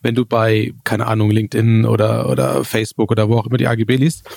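Relaxed German podcast host, dry sound. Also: male voice, mid-range voice, fast talker, vocal fry, no room sound. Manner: storytelling, relaxed, many fillers. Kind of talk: casual tech chat.

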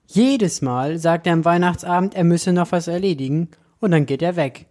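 A man's voice: a little high, moderate pace, a little mellow, pitched above the performer's own voice, lightly acted. A man voicing a curious young boy who keeps asking eager questions in a storybook reading.

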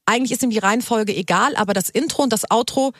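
A man hosting a radio interview, asking quick questions and reacting in short bursts. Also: high voice, fairly bright tone, dry recording, studio quality. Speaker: radio host. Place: radio studio.

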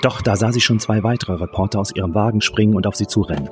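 A man with a fairly low voice narrates a thriller in a tense, dramatic way. His reading is scripted and steady. A music bed plays clearly behind him. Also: fast talker. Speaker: audiobook narrator.

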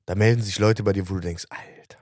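A man's voice: low-pitched, fairly even intonation, quick pace, darkish tone, no echo, studio quality. A man in his thirties, a musician guest, talking earnestly and reflectively in a casual interview, often restarting his sentences.

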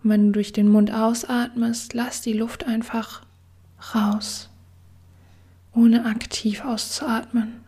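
A woman guiding a relaxation meditation in a soft, soothing whisper. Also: a little high. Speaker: meditation guide.

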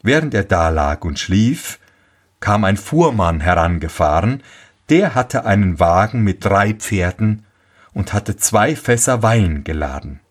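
A male storyteller reading a fairy tale aloud at a slow, unhurried pace. His voice is soft and a little breathy, with a very lively, rising and falling melody. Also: on the low side.

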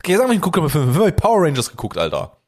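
A man's voice: fairly high pitch, huge pitch swings, racing, a little mellow. A young man co-hosting a casual podcast, laid-back and slangy, guessing at quiz answers. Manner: slangy and laid-back, calls his friend "Digga", "Alter" and "Bruder". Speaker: podcast co-host, quiz contestant. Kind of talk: casual chat.

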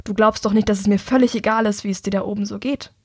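A woman's voice: mid-range voice, fairly even intonation, fast talker, breathy edge, no room sound, lightly acted. Woman voicing blunt young man, emphatic, wounded, dry sound. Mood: earnest. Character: hurt, blunt young man, older brother.

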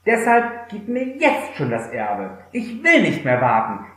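A man's voice: a little high, wildly swooping pitch, a little slow, fairly bright tone, pitched above the performer's own voice, exaggerated voice. A man voicing a pleading young son. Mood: impatient. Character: desperate penitent young son. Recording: very echoey room.

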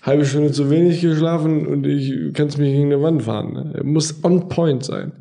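A young man talks in a relaxed podcast chat. His voice is mellow and a little high, and he jokes with mock-serious asides. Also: moderate pace, creaky. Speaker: podcast co-host. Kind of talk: casual chat.

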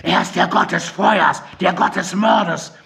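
A man's voice: takes it slowly, a little mellow. A man voicing a deranged, drug-addicted young woman who shrieks and mumbles in an audiobook. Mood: shrieking. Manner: shrill, shrieking, frantic. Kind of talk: audiobook character voice.

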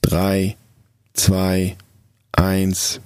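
A man narrating a scripted guided relaxation exercise in a soft, calm, soothing voice with measured, drawn-out instructions. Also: deep voice, smooth, no echo, studio quality.

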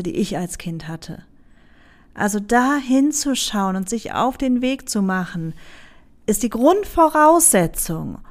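Woman, podcast host, reflective, earnest, direct address, slow pace, medium pitch. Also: a little mellow. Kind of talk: reflective personal-growth podcast talk.

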